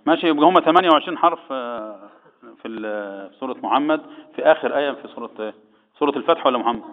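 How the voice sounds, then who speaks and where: A man with a mid-range voice and lively intonation speaks rapid-fire in an Egyptian Arabic accent as he teaches Quran recitation rules. He quizzes his students and answers himself, in an echoey, tinny, phone-like recording.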